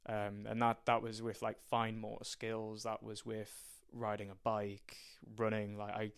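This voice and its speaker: Speaking a little slowly with a completely flat delivery, a young strength and conditioning coach from County Durham, England, guests on a casual podcast interview. His voice is low-ish and smooth with vocal fry. He hesitantly recounts his background, with frequent ums and restarts.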